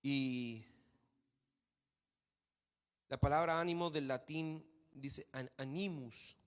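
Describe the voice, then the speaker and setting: A man's voice: medium pitch, takes it slowly. A man preaching a sermon in a church hall, emphatic, repeating phrases for stress. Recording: long hall reverb.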